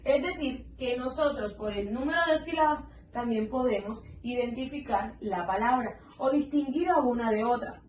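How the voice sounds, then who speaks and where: A woman teacher giving a lesson. She is patient and sounds words out slowly, syllable by syllable. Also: on the high side, darkish tone. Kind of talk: slow explanatory lesson. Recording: roomy echo, mic at a distance, faint background noise.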